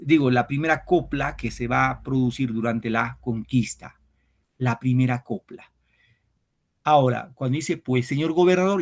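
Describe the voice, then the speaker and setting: A man teaches an online class at an ordinary, middle pitch. He takes his students through each step, counts things out loud, and keeps checking that they follow. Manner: explains step by step, counting syllables aloud and asking his students. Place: home setup for an online class.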